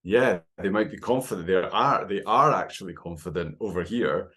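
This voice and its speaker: Man, very low voice, podcast guest, animated storytelling, conversational. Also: normal speed. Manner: animated storytelling, frequent "right?" tags. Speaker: podcast guest, endurance runner. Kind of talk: casual conversation.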